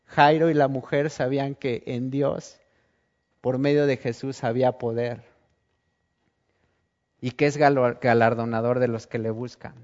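A man preaching a sermon, telling Bible stories in an animated way and acting out the scenes. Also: mid-range voice, measured pace, long pauses. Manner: animated storytelling, acts out scenes. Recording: dull lo-fi recording.

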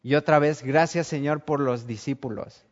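Preacher acting out Bible scenes. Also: male voice, a little high, normal speed. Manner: animated storytelling, acts out scenes. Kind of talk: sermon. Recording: dull lo-fi recording.

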